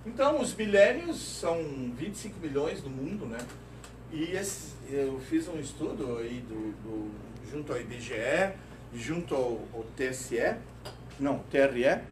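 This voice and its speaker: A middle-aged man giving a lively company talk, telling stories and tossing in tag questions, recorded from a distance in a large room. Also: medium pitch, a little slow, background noise. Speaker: lecturer. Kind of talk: corporate safety-week talk. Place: company auditorium. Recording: roomy, distant lecture recording.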